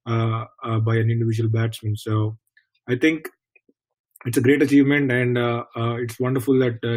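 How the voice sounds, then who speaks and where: An earnest male analyst on a radio sports chat. His voice sits at an ordinary middle pitch and barely rises or falls. He speaks in a measured, sincere way. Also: darkish tone. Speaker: regular guest analyst.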